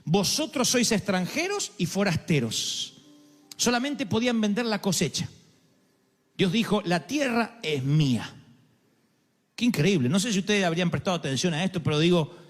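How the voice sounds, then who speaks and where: Pastor, high voice, lively dramatic sermon in a big echoing hall with soft music. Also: male voice. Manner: dramatic, acts out quoted voices, humorous asides. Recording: live hall with long reverb, faint music.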